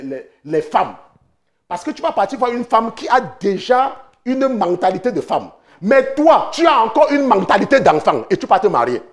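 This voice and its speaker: A pastor preaching a sermon, repeating his points for emphasis and acting out a phone conversation. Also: high voice. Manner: preaching with emphatic repetitions, acts out a phone call. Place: church or online study.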